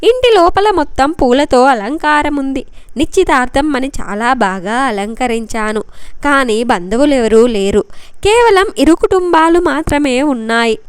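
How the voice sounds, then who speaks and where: A woman's voice: high-pitched, clear, resonant tone, no echo. A woman storyteller giving an emotive, dramatic narration of a love story.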